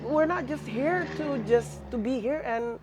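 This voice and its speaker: A woman from Indonesia telling her story as an interview guest, mixing Indonesian with English in a lively, emotional retelling. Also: sits high, slow, noisy background.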